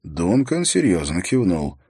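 Male audiobook narrator, measured and steady, lowish voice, dry close sound. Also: slightly rough, no echo.

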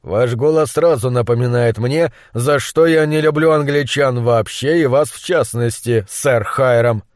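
A man's voice: mid-range voice, measured pace, no room sound, clean studio sound, natural voice. A man voicing a brilliant, bitter monster scientist who speaks with acid sarcasm. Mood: scornful. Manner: acid, sardonic.

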